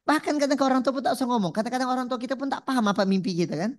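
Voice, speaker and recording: A woman preacher giving a lively religious talk, punchy and repetitive, often asking the audience questions. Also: on the high side, rapid-fire. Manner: punchy, repeats catchphrases, asks the audience questions.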